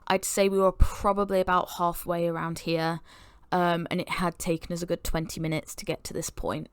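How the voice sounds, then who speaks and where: A woman from the UK calmly narrating her hike afterwards in a relaxed, reflective voice-over. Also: lowish voice, a little fast, smooth, no echo, clean studio sound. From United Kingdom. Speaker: hiking vlogger.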